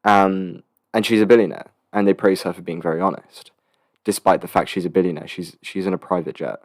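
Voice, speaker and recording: A man hosts a solo podcast in a loose, casual monologue. His voice sits on the low side, and he rambles with frequent restarts and jokey asides. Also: steady tone, a little fast. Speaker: podcast host.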